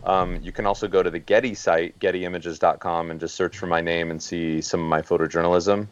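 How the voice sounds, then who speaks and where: A man's voice: low voice, flat delivery, fairly quick, smooth, highs cut off. A man speaking as a guest photojournalist on a podcast, plain and practical with some fillers. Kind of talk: casual podcast talk.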